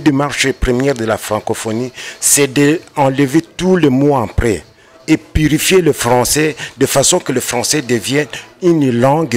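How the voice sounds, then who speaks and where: A man, a panel guest explaining his view and mixing in Lingala words. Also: mid-range voice. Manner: explanatory, mixes in Lingala, rises emphatically. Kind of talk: debate discussion.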